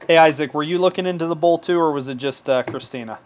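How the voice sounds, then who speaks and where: A man's voice: on the high side, quick pace, a little hiss or hum. A man narrating a tabletop game as game master, in a loose, improvised way with many fillers. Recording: dull lo-fi mic.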